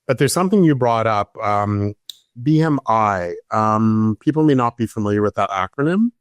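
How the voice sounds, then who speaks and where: A man co-hosting a podcast, asking a guest questions in a curious, relaxed way. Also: lowish voice, normal speed, clean tone, no echo. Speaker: podcast co-host. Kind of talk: casual podcast interview.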